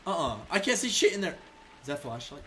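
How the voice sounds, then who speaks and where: A man's voice: on the high side, big pitch swings, a little fast, fairly bright tone. A man streaming a horror game with jumpy commentary, swearing a lot and shrieking when startled. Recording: noisy with mouse clicks.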